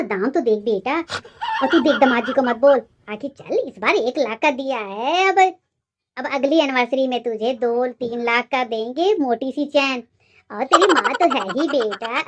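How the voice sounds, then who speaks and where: A woman's voice: sits high, animated, moderate pace, noisy background. A woman playing a nagging middle-aged mother-in-law who scolds her daughter-in-law and spoils her own daughter, in a comedy skit. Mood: doting. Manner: bossy, scolding. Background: background music.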